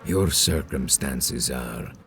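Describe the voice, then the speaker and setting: An actor playing an ancient, cold vampire sect leader in a video game, speaking in a solemn, grandiose, deliberate way. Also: male voice, extremely low pitch, creaky, fairly bright tone, heavily acted. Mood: grave menace. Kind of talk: dramatic video game villain dialogue.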